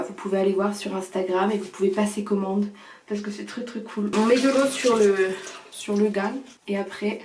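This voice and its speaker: A young woman with a medium-pitched, slightly mellow voice vlogs casually from her home bathroom during her evening skincare routine. Chatty and joking, she breaks into snatches of song, and the bathroom makes the recording echoey.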